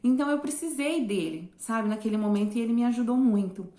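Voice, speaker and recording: A woman's voice: fairly high pitch, fast, warm tone. Brazilian woman vlogging in an echoey room. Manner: chatty, often addresses viewers and trails off with fillers. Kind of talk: candid personal storytelling to viewers. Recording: roomy echo.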